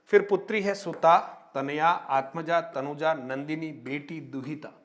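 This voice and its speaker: A man's voice: a little high, measured pace. A man teaching an exam-prep Hindi grammar lesson, rattling off lists of synonyms and stopping to flag the new words and their spellings. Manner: addresses viewers as friends, frequent tag questions.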